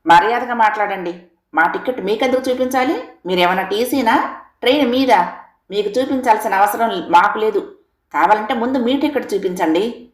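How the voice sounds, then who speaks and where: A woman voicing a quarrelsome middle-aged man on a train who argues loudly with a raised voice, in an echoey room. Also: mid-range voice, a little fast, close to an everyday voice. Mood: irritated. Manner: loud, combative, raised voice.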